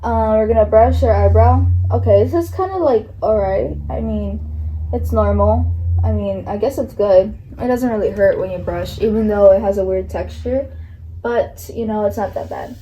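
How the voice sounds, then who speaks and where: A woman's voice: medium pitch, moderate pace, dark tone, slight background noise, poor audio. A young woman talking casually and nervously through a makeup tutorial, filling her talk with likes and ums. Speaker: beauty vlogger.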